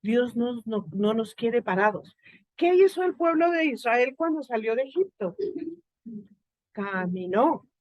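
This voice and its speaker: A woman with a Guatemalan accent giving a faith talk to a live group, lively and full of rhetorical questions to her listeners. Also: on the high side, a little slow, muffled recording. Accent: Guatemalan Spanish.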